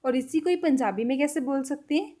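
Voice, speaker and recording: A woman with a high voice gives a casual spoken language lesson. She repeats each example phrase slowly and deliberately, and she drops English words into her explanations. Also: mellow. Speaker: language teacher.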